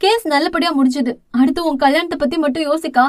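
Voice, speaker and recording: A woman's voice: high-pitched, quick pace, no echo, studio quality, natural voice. A woman doing an anxious young college girl. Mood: worried. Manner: anxious, coaxing, pleading. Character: frightened young woman, caring younger sister, college student.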